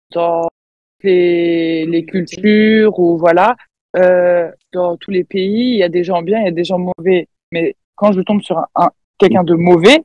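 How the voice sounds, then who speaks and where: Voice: mid-range voice, a little mellow, dry recording, rough recording. Young speaker rambling on a dry call. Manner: rambling, hesitant with fillers. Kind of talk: casual group chat.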